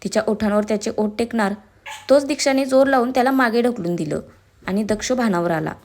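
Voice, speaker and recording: A woman with a Marathi accent reading a dramatic story aloud, expressive in her narration. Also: a little high, a little fast.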